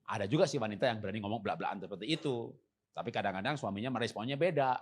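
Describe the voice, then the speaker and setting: A man preaching a church seminar sermon with humor. He acts out quoted husbands and wives and moves from loud emphasis to soft, calm passages. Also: fairly low pitch, racing, breathy edge. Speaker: guest preacher. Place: church service.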